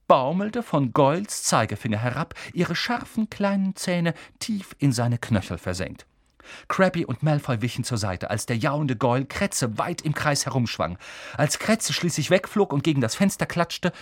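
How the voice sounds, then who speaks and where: A man reading a children's novel aloud as an expressive audiobook narrator. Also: mid-range voice, no echo, clean studio sound. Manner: expressive, lively storytelling.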